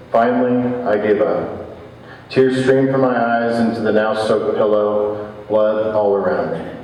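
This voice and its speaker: A man reading a first-person story aloud at a live event, in a somber, measured way. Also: lowish voice, warm tone. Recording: echoey hall, distant mic, faint hum.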